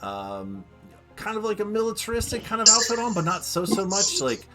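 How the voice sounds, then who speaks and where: A man's voice: high-pitched, big pitch swings, normal speed, over music. A man narrating as game master in a rambling, self-correcting way.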